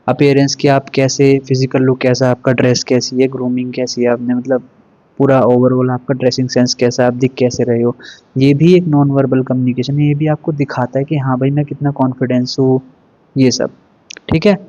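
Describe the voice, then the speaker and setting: A man teaching an exam revision lesson in a relaxed, informal way. He keeps asking rhetorical questions and checking in with his students. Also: mid-range voice, brisk, no room sound, lo-fi sound.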